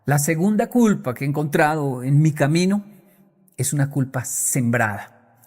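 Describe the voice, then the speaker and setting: A man speaks on stage to an audience in a fairly high voice, emphatic and lively. He gives a motivational talk and now and then acts out the voices of the people he quotes. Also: moderate pace.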